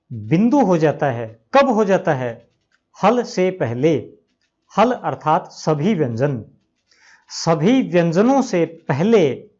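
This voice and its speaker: A man teaches grammar at an unhurried, measured pace and says each example word more than once, drawing the sounds out. His voice sits a little high for a man. The recording is dull and lo-fi. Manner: slow, repeats examples, stretches out words to pronounce them. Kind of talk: explanatory lesson.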